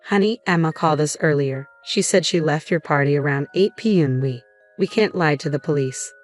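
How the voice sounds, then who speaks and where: A woman's voice: low voice, normal speed, soft background music, close to an everyday voice. A woman voicing a hesitant middle-aged father who speaks apologetically. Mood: uneasy.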